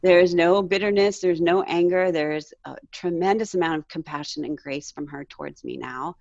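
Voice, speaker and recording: A woman's voice: on the low side, moderate pace, creaky, darkish tone, no echo. A woman in her forties, a mother and guest, telling her faith story earnestly and with emotion. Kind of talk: candid faith interview. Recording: slightly dull, dry sound.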